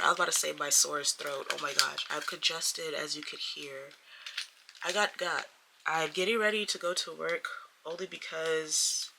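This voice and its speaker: A young vlogger from the DC area rambles and chats to her camera inside her parked car, joking at her own expense. She speaks in a low, gravelly voice. Her vlog camera's mic also records background noise.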